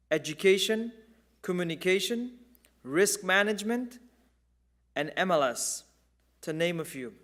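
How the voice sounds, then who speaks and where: A man reading a formal, measured introduction of a keynote speaker. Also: fairly high pitch, fairly bright tone. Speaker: event presenter. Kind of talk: scripted introduction.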